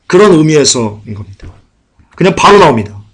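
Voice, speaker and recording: A male pastor preaching a sermon in church, swinging dramatically between emphatic bursts and hushed lament. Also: fairly high pitch, big pitch swings, a little fast, slightly rough.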